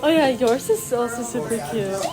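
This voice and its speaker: A woman's voice: fairly high pitch, lively intonation, moderate pace. A young woman chatting casually in slangy millennial style, full of likes and exclamations, slipping between English and Arabic. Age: young adult. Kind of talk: casual chat, vlogging with a friend. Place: outdoors on a public beach. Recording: noisy busy outdoor location, crowd around.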